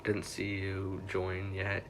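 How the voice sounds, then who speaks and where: Slow and utterly flat, a young man's low voice carries his livestream, with slight background noise behind him. As host, he rambles through casual fan chat, frequently correcting himself.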